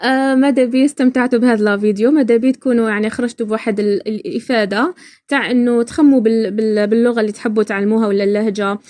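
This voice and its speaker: A woman's voice: on the high side, fairly even intonation, rapid-fire, a little mellow, no echo, studio quality. A woman from Iraq hosting a podcast, talking casually and chattily, often breaking off and restarting her words. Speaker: podcast host. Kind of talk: casual spoken monologue.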